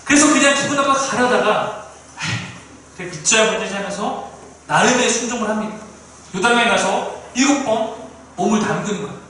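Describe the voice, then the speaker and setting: A male pastor preaching a sermon in an animated way, now and then acting out the people he quotes. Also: high voice, fairly quick, recorded from a distance, slight background noise. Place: small church sanctuary. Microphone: distant room mic. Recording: echoey room recorded from afar.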